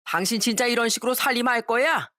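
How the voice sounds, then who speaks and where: A woman acting out an old father-in-law in a storybook tale, scolding his wife over money in a pitched-up, raised voice. He nags and barks without letting up. The sound is dry and close. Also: fast talker, no room sound. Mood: angry scolding. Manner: scolding, berating, shouting. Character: angry stingy father-in-law in his sixties.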